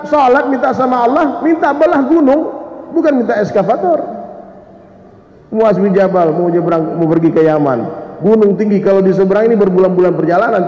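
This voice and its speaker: A man preaching a mosque sermon, animated, speaking straight to his listeners and acting out the stories. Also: high-pitched. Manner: animated, addresses listeners directly, acts out quotes. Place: large mosque hall. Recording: echoey hall, muffled sound.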